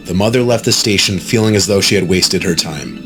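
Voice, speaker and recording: Man, scripted story narration, calm, low voice, music underneath. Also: a little fast.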